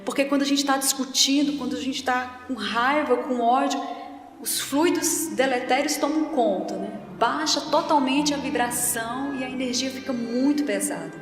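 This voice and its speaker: A woman with a fairly high voice giving a public spiritist lecture, telling a story and bringing its characters to life. She is heard from a distance in a reverberant hall, with faint music underneath. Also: moderate pace. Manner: storytelling, acts out quoted voices.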